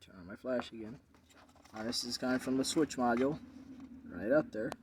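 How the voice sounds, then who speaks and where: A man talks through a car repair in an easygoing, rambling way. He thinks aloud with fillers while he works, his voice at an average pitch. He is recorded on a handheld phone inside a car, with faint noise in the background. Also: brisk. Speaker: car repair video maker. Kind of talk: casual how-to narration.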